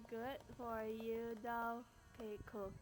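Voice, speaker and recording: Higher-voiced young woman, playful livestream chatter. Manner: playful, teasing. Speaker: art livestreamer. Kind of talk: casual livestream chat. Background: background music.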